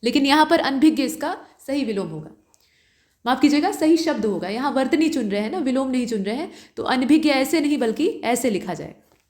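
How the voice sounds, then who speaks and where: A woman tutor patiently explaining exam questions one by one, often pausing to ask rhetorical questions. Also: sits high, animated, a little mellow, reverberant.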